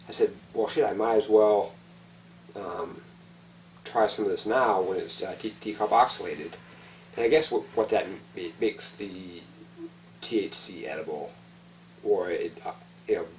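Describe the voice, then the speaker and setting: A man's voice: low voice, darkish tone. A middle-aged man talking casually and sweary, in a laid-back, rambling stoner drawl, as in a personal vlog. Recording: distant mic, noisy with hum.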